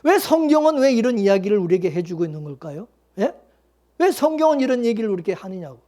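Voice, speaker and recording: A man's voice: high voice, big pitch swings, fast, mellow. A male pastor preaching a Sunday sermon, blunt and colloquial, firing rhetorical questions at the congregation.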